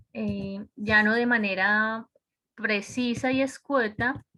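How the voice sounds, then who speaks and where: Bright-voiced teacher, slow and clear. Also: female voice, fairly high pitch. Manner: explains step by step, checks with "¿cierto?". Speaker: English teacher. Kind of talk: online class lecture. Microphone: computer microphone on a video call.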